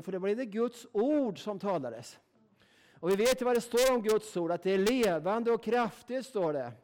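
A man's voice: high-pitched, darkish tone. A man from Sweden preaching a sermon in a folksy, emphatic way, often tagging his sentences with a questioning "right?". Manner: folksy, emphatic, keeps asking "va?".

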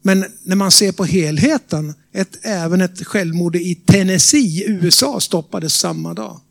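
A man's voice: high-pitched, gravelly. A man with a Norrland Swedish accent preaching a sermon, telling a testimony dramatically and asking the congregation if they follow. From Norrland, Sweden. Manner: dramatic storytelling, asks the audience questions.

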